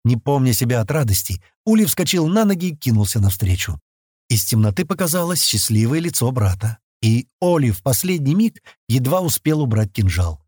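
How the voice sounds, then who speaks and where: A man narrating a fantasy audiobook in an expressive storytelling manner. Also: mid-range voice, brisk, breathy edge, dry recording, clean studio sound.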